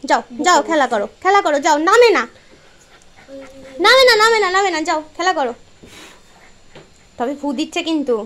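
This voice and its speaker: A woman's voice: very high-pitched, sing-song, normal speed, long pauses, a bit bright. A woman filming her dog at a family home, coaxing and teasing it and talking to it like a child. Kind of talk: casual chat to her dog.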